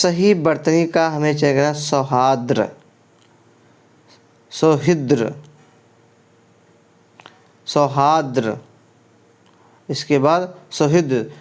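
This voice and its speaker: A man's voice: on the high side, unhurried, long pauses. A male teacher working through exam questions one by one, asking the class about each answer and then giving it. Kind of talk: exam prep lesson going through quiz questions.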